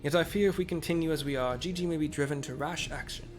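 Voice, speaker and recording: A man voicing an earnest old gentleman in a game, with a strained, aged voice and courtly, archaic speech. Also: fairly high pitch, quick pace, soft background music, lightly acted. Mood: courteous, grave. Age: older. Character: old gentleman inspector, formal, earnest, protective father. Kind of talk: game dialogue read aloud.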